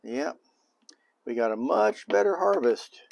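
An older man hosts a beekeeping demonstration on an outdoor patio, talking casually and thinking aloud as he works. His gravelly voice moves a little slowly, relaxed and low-key, and the recording is dry.

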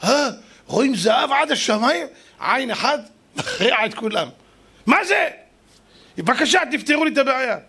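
A man's voice: very high voice, lively intonation, fairly bright tone, voice pushed up, full character voice. A man putting on the voice of a boastful, naive ancient king who begs and pleads, inside a sermon story. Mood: eager. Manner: eager, whining, begging.

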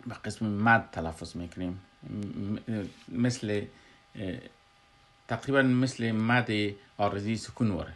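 A man with an Afghan Dari accent explaining a Quran recitation lesson, pausing often with filler sounds. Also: fairly low pitch. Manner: halting, frequent filler hesitations.

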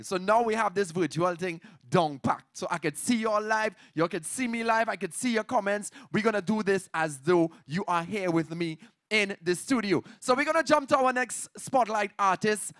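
A man's voice: high-pitched, expressive, brisk, fairly bright tone, dry recording, clean studio sound. A young man with a Trinidadian accent hosting a show as an exuberant hype announcer who calls out to the audience and repeats his phrases. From Trinidad and Tobago. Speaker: live show host. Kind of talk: hyped-up stage announcing. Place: small studio stage with curtains and screen. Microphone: handheld microphone.

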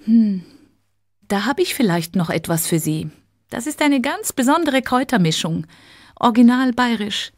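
A woman voicing a shy old woman selling herbs at a market, speaking softly in a high voice. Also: big pitch swings, normal speed, no echo, studio quality. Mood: gentle. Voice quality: high-pitched. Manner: soft, shy. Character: old woman herb seller, timid.

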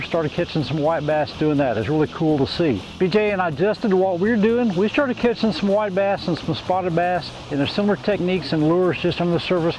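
An older man from Oklahoma giving a steady, folksy fishing report to camera by a lake. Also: on the high side, a little hiss or hum, rough recording. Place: outdoors by a lake shore.

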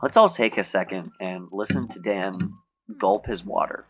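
A young man playing a video game, chatting playfully and muttering low asides. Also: normal speed. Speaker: let's play host. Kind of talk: casual gameplay chat.

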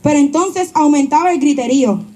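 A woman's voice: sits high, fairly quick, warm tone. A woman narrating an amateur play on an outdoor stage in a theatrical storytelling style. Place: outdoor tented stage at night.

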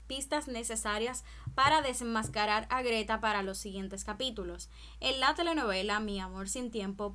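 Woman, slightly high voice, chatty recap host talking to camera. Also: a bit bright. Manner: chatty, speaks directly to the viewer, small verbal stumbles. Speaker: telenovela recap channel host. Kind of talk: spoken telenovela recap.

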